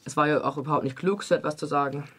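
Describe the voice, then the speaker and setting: A young man reviewing a book, reading passages and then talking about it. His voice sits a little high and he moves along at a fast clip. His reading is brisk and even. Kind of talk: reading a novel excerpt aloud, then casual review chat.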